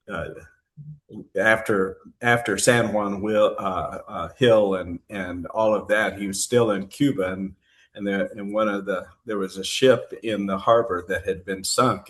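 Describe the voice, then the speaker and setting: Brief: middle-aged pastor co-host, lower voice, halting and full of fillers. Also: male voice. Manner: hesitant storyteller, many "uh"s, laughs mid-story. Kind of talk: casual chat.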